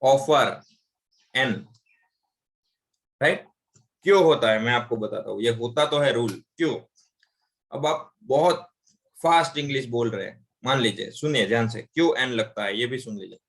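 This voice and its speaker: A man's voice: medium pitch, a little slow, long pauses. A man teaching English grammar in an online class, explaining patiently and repeating examples aloud.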